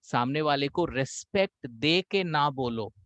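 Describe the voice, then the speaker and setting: An Indian man coaching a spoken English class, mixing Hindi and English, acting out quoted voices and slowing down on key English lines. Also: fairly high pitch, lively intonation, a bit bright, no room sound.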